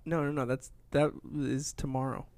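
A man's voice: medium pitch, flat delivery, normal speed, creaky, darkish tone, no echo. A young man co-hosting a podcast, rambling casually with many fillers and wrapping up the episode. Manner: rambling, lots of fillers and likes, wraps up the show. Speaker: podcast co-host. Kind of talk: casual chat.

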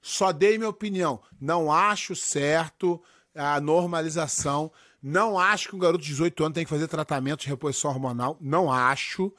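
A middle-aged man with a Brazilian accent, co-hosting a podcast, telling stories in a lively way, swearing freely and acting out the lines he quotes. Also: a little high, brisk, no echo, studio quality. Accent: Brazilian Portuguese. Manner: animated storyteller, swears a lot, acts out quotes. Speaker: podcast co-host. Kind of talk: casual podcast banter.

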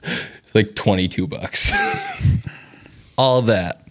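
A man's voice: medium pitch, huge pitch swings, drawn-out words, fairly bright tone. A man from Boston, a podcast co-host, telling a story casually, laughing and swearing often. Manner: laughs through his own story, swears freely.

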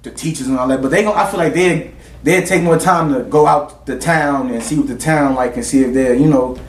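A man's voice: mid-range voice, fairly quick. A man in his twenties from the United States in casual, slangy, profane group conversation. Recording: roomy, distant from mic, faint noise.

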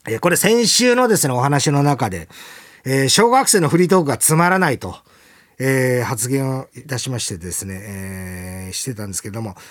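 A man's voice: medium pitch, animated, a little fast. A male radio host chatting casually and reading listener mail, telling stories animatedly and chuckling often.

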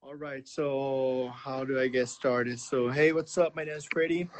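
A sleepy rapper from Thailand chats over a video call, loose and slangy, drifting from one point to the next. His voice is medium in pitch but stays flat and even, and a faint hiss sits behind it. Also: unhurried, poor audio. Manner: laid-back, slangy and rambling. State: tired, woken at night. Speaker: guest, rapper. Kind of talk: casual interview chat.

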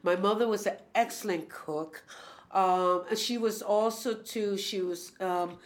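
A woman in her sixties from New York City, an artist talking as a guest in a casual interview, halting and searching for words. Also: medium pitch. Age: 60s.

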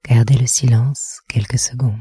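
A woman leading a guided meditation in a soft, half-whispered, measured voice. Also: very deep voice, steady tone, slightly rough, dry recording.

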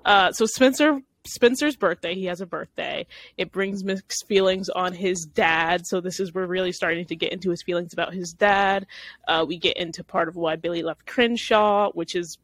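A woman's voice: on the low side, moderate pace, fairly bright tone. A woman hosting a casual podcast, recapping episodes, often laughing and restarting her phrases. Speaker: podcast host.

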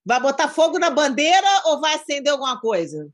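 A woman's voice: high voice, sing-song, brisk. A woman with a Brazilian accent chatting casually in a brash, teasing, sweary way. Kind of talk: casual chat.

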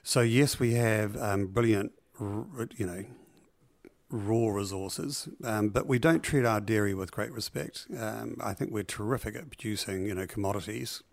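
Gravelly-voiced New Zealand man. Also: fairly low pitch, normal speed, no room sound. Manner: rambling, many ums and restarts. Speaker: business founder guest. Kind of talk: casual storytelling interview.

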